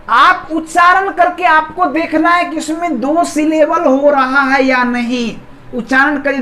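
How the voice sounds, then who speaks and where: A woman's voice: high-pitched, fairly bright tone, rough recording. A woman teaching an English grammar lesson who repeats key words and keeps asking her viewers questions. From India. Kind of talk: explaining a lesson.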